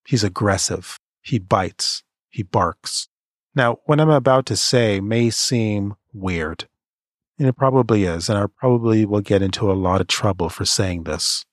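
A man from Canada, giving creative career advice in an earnest, measured motivational monologue. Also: fairly low pitch, dry recording, studio quality.

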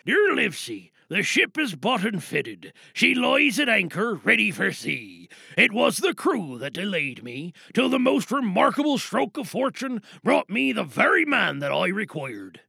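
An actor voicing a stiff man who reads a formal letter in a measured, lower voice. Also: very animated, gravelly, sharp tone, husky, dry recording, full character voice.

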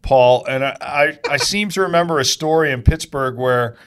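A man's voice: mid-range voice, normal speed, a bit bright, a little hiss or hum. A man hosting a casual chat, prompting guests and retelling stories. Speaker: podcast host.

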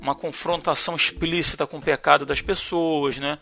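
A man's voice: a little high, fairly even intonation, normal speed, vocal fry, pushed and bright, faint music behind. A man co-hosting a podcast, casually bringing up something he read and asking his co-host about it. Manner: conversational, relays what he read. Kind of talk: casual discussion.

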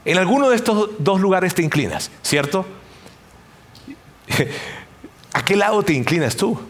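Animated high-voiced pastor preaching. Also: male voice, measured pace. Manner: conversational, animated, acts out voices of people. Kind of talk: sermon.

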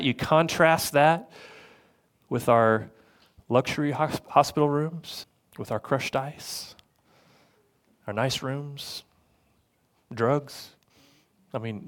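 A man preaching a sermon from the pulpit, earnest and conversational. His voice sits at an ordinary middle pitch for a man, and his phrasing circles back on repeated words as he builds a point. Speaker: lead pastor.

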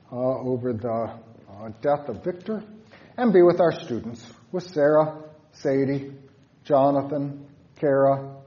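A man leading congregational prayer as a pastor, solemnly, in measured phrases with pauses. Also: mid-range voice, dull audio.

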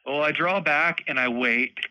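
A young man telling a story in a casual chat, animated, laughing often and acting out moments. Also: fairly high pitch, a little slow, dry recording, rough recording. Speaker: podcast guest, bowhunter.

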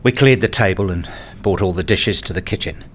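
A man plays a married father telling his own story in a radio play, speaking in a fairly low voice. His scripted narration is measured and reflective, wistful, a touch fussy, and resigned in mood.

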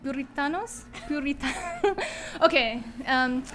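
An American woman interviewing casually in halting beginner Spanish, a native English speaker who searches for words and giggles easily. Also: sits high, expressive, fairly bright tone. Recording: music behind the voice.

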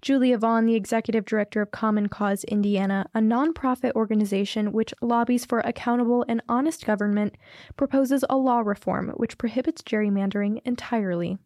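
Woman, radio correspondent, scripted report, steady, higher pitch, dry. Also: brisk, no room sound. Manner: steady read delivery.

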